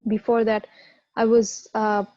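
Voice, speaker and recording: Flat mellow woman from india on a video call, lots of uhs, muffled dry audio. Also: a little high, dry recording. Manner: halting, many "uh" fillers. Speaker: panelist, scientist. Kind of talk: online panel talk.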